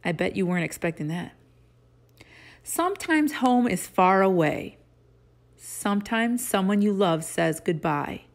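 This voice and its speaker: A middle-aged woman reads a picture book aloud to children as their teacher, mixing in casual instruction. Her medium-pitched voice has lively intonation and an unhurried pace, and she uses simple, encouraging phrases for her young listeners.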